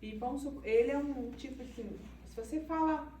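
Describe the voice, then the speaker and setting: A woman in the audience asking quick, chatty questions. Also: high-pitched, dark tone. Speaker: audience member, mother. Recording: echoey room, far from the mic, some noise.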